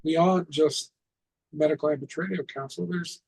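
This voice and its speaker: Hosting an amateur radio net, a man offers an informal instructional presentation in a husky, somewhat high voice with fairly flat intonation. He halts as he explains and frequently repeats himself. The audio is poor, close-miked and dry, with no echo.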